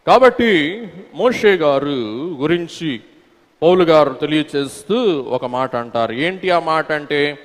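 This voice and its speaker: A man's voice: a little high, expressive, slow pace, long pauses. A man preaching a sermon. He tells homely stories and prompts the congregation to call answers back to him. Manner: folksy storyteller with homely examples. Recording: long reverb from a hall.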